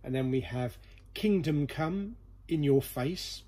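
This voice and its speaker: Surrounded by boxes in an indoor storeroom, a man hosts a relaxed, joking vlog as he works through a collection. His voice leans high with a dark tone, and his pace is slow.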